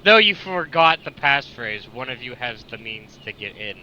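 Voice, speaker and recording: Casting: young man, relaxed game master, very bright sharp tone, slightly dull lo-fi mic. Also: mid-range voice, normal speed. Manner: casual, laughing often, swearing. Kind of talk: narrating a tabletop game over voice chat. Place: home with chickens nearby. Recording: dull lo-fi mic with faint noise.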